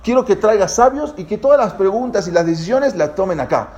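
A man's voice: high voice, animated, brisk, darkish tone, muffled recording, pitched above the performer's own voice. A man quoting a commanding male caliph giving orders, in an emphatic, raised voice.

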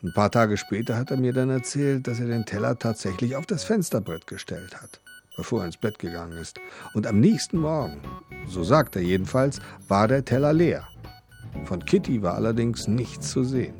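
A man's voice: mid-range voice, lively intonation, normal speed, darkish tone, soft background music, close to an everyday voice. An actor narrating a children's audio drama as a wry, skeptical man. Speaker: Klaus, narrator and friend.

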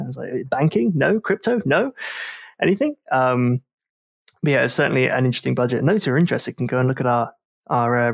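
A man's voice: medium pitch, vocal fry, no echo, clean studio sound. A man hosting a casual podcast discussion, rambling and self-deprecating with many fillers. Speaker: podcast host.

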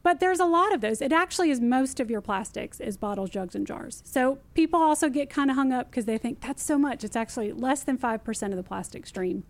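A woman walks listeners through what can be recycled. Her voice sits a little high, and she is chatty and animated, with lots of emphasis and repetition. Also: fairly quick, few pauses. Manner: lively, emphatic, repeats key phrases. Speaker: city recycling guest expert. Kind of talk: casual explanatory interview talk.

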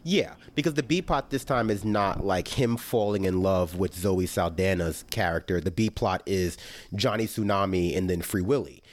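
A young man hosting a casual podcast chat, talking loosely with lots of fillers and bursting into animated, laughing asides. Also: sits low, moderate pace, no room sound. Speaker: podcast host.

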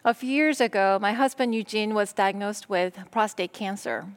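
Preaching in slow, measured phrases with pauses between them, this middle-aged pastor is a woman from Korea whose first language is Korean. Her voice sits at a medium pitch.

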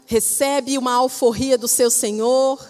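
A woman pastor with a Brazilian Portuguese accent preaching a sermon expressively, moving between loud emphasis and soft, hushed passages. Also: sits high, steady tone, a little slow, faint music behind. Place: church. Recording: reverberant church hall.

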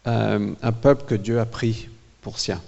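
A man preaching a sermon in short phrases that pause for an interpreter, dramatic and lively, acting out the voices of the people. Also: on the low side, gravelly, lo-fi sound. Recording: reverberant church hall.

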